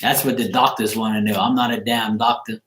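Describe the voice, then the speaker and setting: Speaking fairly quickly in a lowish, steady, slightly bright voice, this Bermudian man reads tarot on a livestream and chats informally with viewers. He's blunt and jokey, and the indoor living-room recording is echoey, with faint noise and clicks.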